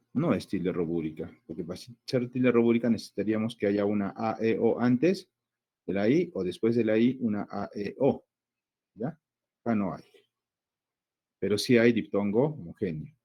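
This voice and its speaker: A male teacher with a Peruvian Spanish accent explains a grammar lesson step by step. His voice sits low and dark with a husky grain. He keeps checking in with short questions and stretches words out slowly to sound them out. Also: animated.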